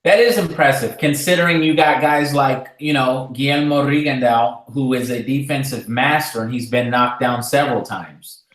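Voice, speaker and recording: A man co-hosting a live boxing talk show, breaking down fights in a measured, analytical way with frequent fillers. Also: mid-range voice, a bit bright. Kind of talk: casual live-stream discussion. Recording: echoey room.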